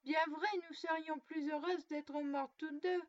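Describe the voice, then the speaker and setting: A woman's voice: high-pitched, fairly even intonation, unhurried. A woman voicing a frightened, sickly nine-year-old girl who pleads tearfully with her mother. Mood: pleading. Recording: dull dry lo-fi recording.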